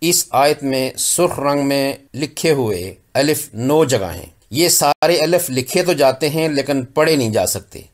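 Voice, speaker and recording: Guy from pakistan teaching recitation rules, talks real slow, says each word over and over. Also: mid-range voice, lively intonation. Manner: repeats words slowly and deliberately for practice. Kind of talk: slow explanatory lesson with recited examples.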